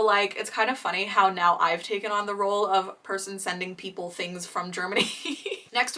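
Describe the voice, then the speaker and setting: A young woman from Romania talks through a casual home vlog with a bright, clear tone. She rambles and giggles, leaning on filler words. Her voice sits a little back from the mic. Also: medium pitch, far from the mic. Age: 20s. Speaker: vlogger. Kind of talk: casual vlog unboxing chat.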